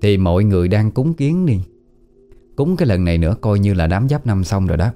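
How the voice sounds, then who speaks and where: A man's voice: on the low side, lively intonation, fairly quick, dark tone, soft background music. A man with a Southern Vietnamese accent narrating a family ghost story in a plain, conversational way. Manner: plain conversational retelling with southern colloquial words.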